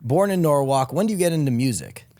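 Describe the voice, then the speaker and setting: An upbeat man from Connecticut hosts a podcast, cracking jokes and tossing "dude" into nearly every question. His voice sits somewhat higher than most men's, and he keeps the talk casual and playful. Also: very animated, fast, mellow. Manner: upbeat, jokey, says "dude" a lot. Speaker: podcast host. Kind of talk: casual interview.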